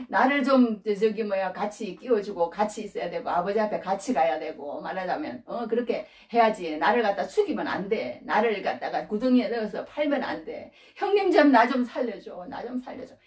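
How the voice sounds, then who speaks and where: A woman's voice: mid-range voice, expressive, fairly quick, few pauses, a little mellow, lightly acted. A woman voicing a young brother who begs his older brothers to spare his life. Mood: pleading. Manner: begging, repeating pleas. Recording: roomy hall, distant mic.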